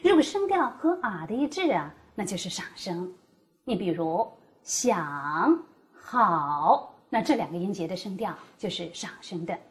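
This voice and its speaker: A woman explaining Mandarin tones as a teacher, demonstrating each tone with exaggerated pitch. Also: expressive, brisk, few pauses. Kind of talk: scripted teaching dialogue.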